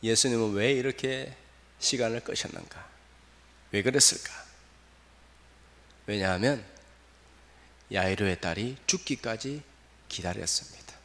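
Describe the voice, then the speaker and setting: Animated male pastor preaching. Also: medium pitch. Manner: animated preaching, asks the congregation questions. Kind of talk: sermon. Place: church sanctuary. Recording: long reverb of a church hall.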